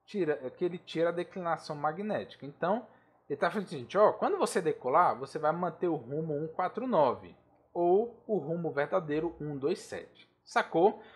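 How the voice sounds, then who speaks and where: A man's voice: a little high, sing-song, moderate pace. A Brazilian man explaining aviation charts in a casual, slangy tutorial, constantly checking in with the listener. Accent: Brazilian Portuguese. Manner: chatty and informal, slangy asides, checks in with the listener often. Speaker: air traffic control instructor. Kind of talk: casual screen-share tutorial.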